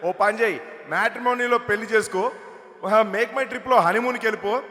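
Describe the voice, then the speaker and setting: A man's voice: sits high, normal speed, bright, forceful tone. A man acting an exasperated father who wails dramatically at his daughter, on a comedy stage heard through an echoey hall PA. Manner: wailing, dramatic.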